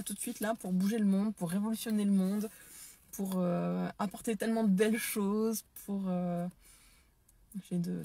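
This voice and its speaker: Hosting a relaxed Facebook live, this French-speaking dance and neurotraining teacher is eager but halting, full of fillers and restarts. Her medium-pitched voice is warm, gravelly, and husky, with no room sound.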